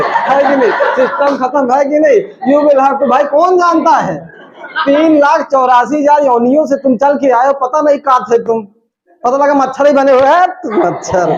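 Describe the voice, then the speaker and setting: High-voiced, shouting Indian English teacher. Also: male voice, highs cut off. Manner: shouts drills, jokes with students. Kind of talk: classroom lesson with drills. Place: classroom with students.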